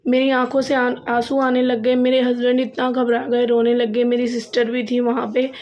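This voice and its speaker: A woman's voice: on the high side, monotone, moderate pace, a little mellow, muffled recording. Chatty young woman recounting a story. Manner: chatty, repeats phrases for emphasis, laughs at herself. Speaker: vlogger. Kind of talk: casual storytelling to camera.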